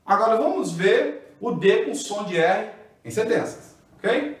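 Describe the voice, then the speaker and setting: Brazilian Portuguese-accented male teacher, higher register, careful scripted delivery, boomy echoey room. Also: expressive, distant mic. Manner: slow, careful over example words. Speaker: English pronunciation teacher. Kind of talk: scripted lesson.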